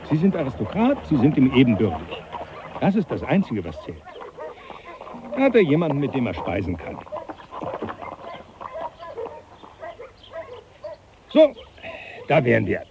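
A man acting in a German radio drama as a jovial, teasing older professor, animated and patronising in an avuncular way. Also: medium pitch, normal speed, pauses often. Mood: teasing, reassuring. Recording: dull radio drama, loud background noise.

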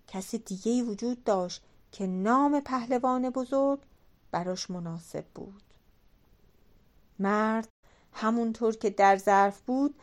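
A woman narrates a folk tale for an audiobook in a measured, dramatic reading. Her voice sits fairly high for a woman. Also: darkish tone. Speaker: audiobook reader. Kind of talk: storytelling narration.

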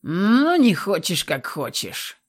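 A coarse, jeering male thug guard, as a woman reader puts him on, barking insults and swearing. The voice sits low and loud, full of lively swings. It comes from an audiobook. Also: takes it slowly, heavily acted. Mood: mocking crude. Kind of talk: audiobook reading.

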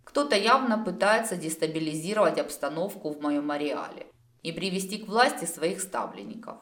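A woman's voice: deep voice, very animated, normal speed, echoey room. A woman reading as a fiery goddess creator. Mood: troubled. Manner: sharp, hissing when angry. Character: fiery, quick-tempered female creator goddess.

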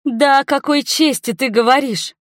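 Fiery young heroine, woman reading her, agitated and loud, dry audio. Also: fairly high pitch, moderate pace, no echo, voice pushed up, natural voice. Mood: furious. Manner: agitated, shouting in anger.

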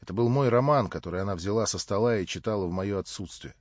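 A man's voice: fast, darkish tone, no echo. A man narrating an audiobook in an emotive way, with dramatic rises and falls. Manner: emotive, with dramatic pitch swings. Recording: dull lo-fi recording.

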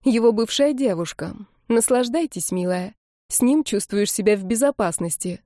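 A woman's voice: medium pitch, animated, normal speed, warm tone, no echo, studio quality, natural voice. A woman reading a jilted young woman who speaks coldly and mockingly, then lashes out in hurt anger.

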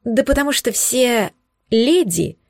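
A sharp-tongued young witch duchess in a storybook reading, played by a woman. She is sarcastic and blunt, teasing with an edge. The sound is dry and close. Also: medium pitch, sing-song, normal speed, gravelly, no room sound.

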